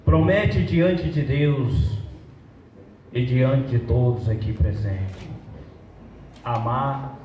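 A man with a Brazilian Portuguese accent leads a wedding ceremony as officiant, speaking solemnly in measured phrases with pauses. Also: medium pitch. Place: large metal-roofed event hall with guests. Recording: roomy, muffled, distant, slight background noise.

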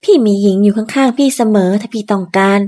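A woman voicing a gentle, devoted young village woman who speaks softly and pleads in a storybook reading. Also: medium pitch, fast, no room sound, close to an everyday voice. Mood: tender. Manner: soft, pleading.

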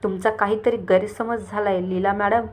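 A woman storyteller narrating a family story in the first person, with a steady, expressive reading. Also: mid-range voice, normal speed.

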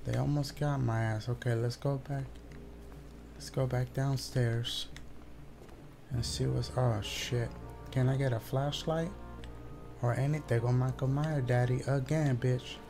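A man's voice: medium pitch, steady tone, measured pace, vocal fry, pauses often, music in the background. A young man doing casual, sweary live commentary as a scared horror game streamer talking to his viewers. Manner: nervous, scared horror gamer, swearing often.

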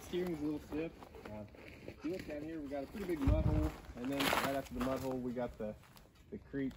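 Man in his thirties, mid-pitched, relaxed vlog narration to a close handheld camera outdoors, loud wind and engine noise behind. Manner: relaxed, easygoing, many "uh" fillers. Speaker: vlogger, host. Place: outdoors in snowy winter woods. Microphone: handheld camera close to his face.

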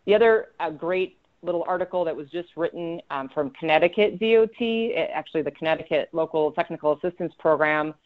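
A woman's voice: low voice, brisk, hardly any pauses. A woman presenting a webinar as a road safety engineer, talking conversationally with frequent ums and self-corrections. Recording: slightly dull lo-fi audio.

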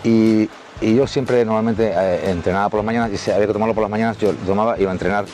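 A man's voice: fairly low pitch, steady tone, racing, darkish tone, faint music behind. A man from Spain, an adult film actor, telling anecdotes casually to the camera, rambling with many restarts and fillers, and acting out quoted lines in a raised voice. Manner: acts out quoted dialogue in a raised voice.

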